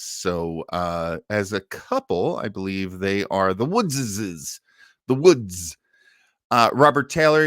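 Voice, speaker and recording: The host of a livestream about old radio shows talks in a relaxed, chatty way, wandering and sidetracked easily. He has a medium-pitched, fairly bright voice, and the recording is clean studio sound without any room echo.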